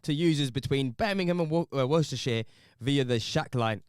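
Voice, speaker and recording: A man co-hosting a casual podcast chat, animated and quick to laugh, often mimicking other people's voices. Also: medium pitch, smooth, no room sound. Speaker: podcast co-host.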